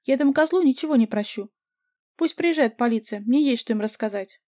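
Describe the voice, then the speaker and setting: A woman voicing a furious young woman in a cafe brawl, yelling shrill insults. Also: moderate pace, no echo, studio quality, lightly acted.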